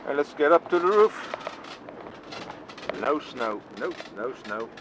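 Very animated and mid-range in pitch, a Dutch-accented vlogger drives through town talking to himself in slow, musing, short remarks. His dashboard camera catches the casual commentary along with the noise of the engine and city traffic.

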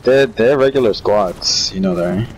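A man on a headset chatting casually with friends while gaming, slangy and relaxed, saying bro a lot. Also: on the low side, moderate pace, slight background noise. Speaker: gamer.

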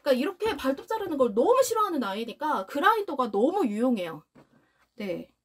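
A woman's voice: sits high, big pitch swings, fairly quick, husky. A young adult woman casually demonstrating a dog nail grinder, often cooing praise at her dog in a sing-song voice. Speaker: dog owner demonstrating pet grooming product.

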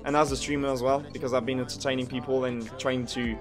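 A man's voice: mid-range voice, little pitch movement, quick pace, over music. A young man in his twenties from France with a French accent, an esports caster and streamer talking casually on a headset mic over gameplay, searching for words and sometimes losing his thread. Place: indoor room, gaming chair.

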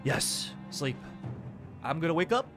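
Lively, unhurried male game streamer. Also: on the high side, over music. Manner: chatty, exclaims at found items, teases chat. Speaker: livestreamer. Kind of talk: casual gameplay commentary.

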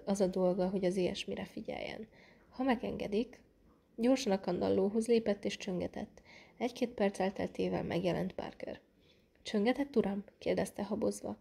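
A woman narrating a classic detective novel as an audiobook, reading in a calm, measured way and lightly voicing the characters. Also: mid-range voice, vocal fry, breathy edge.

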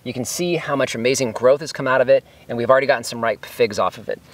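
A man's voice: mid-range voice, fast talker. A man giving a casual, enthusiastic walkthrough of his fruit trees outdoors, sometimes talking while eating. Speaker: homesteading vlogger. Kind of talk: casual garden walkthrough to camera. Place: outdoors in an orchard.

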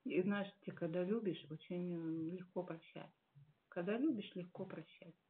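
A woman in her late forties speaks an unhurried personal testimony, earnest and musing, pausing often. Her voice has a gravelly fry. The sound is tinny and narrow, like a phone line from a dim room. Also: fairly low pitch, slight background noise. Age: 40s. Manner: earnest, musing, many fillers and pauses. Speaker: church member giving testimony.

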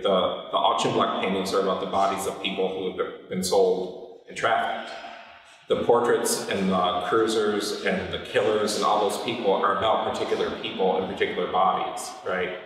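A man's voice: low voice, steady tone, normal speed. A middle-aged man, a painter, talking reflectively about his work in an interview and often checking in with "right?". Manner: thoughtful, often ends points with "right?". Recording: roomy, echoey, from a distance.

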